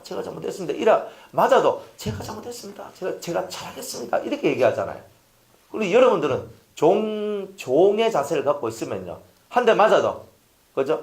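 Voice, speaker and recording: A male pastor preaching a sermon, who asks the congregation questions and acts out little voices of the people in his stories. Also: a little high.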